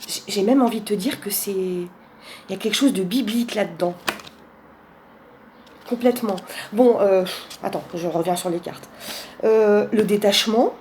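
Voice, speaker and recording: Mellow-voiced chatty woman vlogger. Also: medium pitch, moderate pace, long pauses, slight background noise. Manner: chatty, many fillers, laughs often. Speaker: vlogger presenting a card deck. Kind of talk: casual chat.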